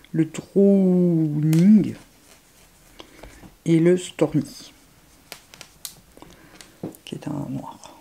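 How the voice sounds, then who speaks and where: A woman gushing over makeup swatches, excitable, often dropping to hushed murmurs. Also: deep voice, creaky. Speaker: beauty vlogger.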